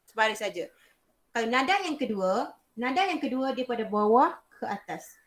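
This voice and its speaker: A woman's voice: a little high, fairly bright tone. A young woman with a Malaysian Malay accent teaching a beginners' Mandarin class, explaining patiently and repeating sounds to demonstrate. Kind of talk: online language lesson.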